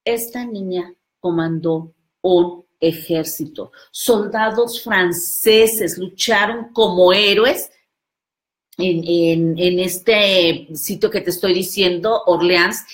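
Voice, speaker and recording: A woman's voice: fairly low pitch, slow. A woman giving a live motivational talk, emphatic and speaking directly to the listener.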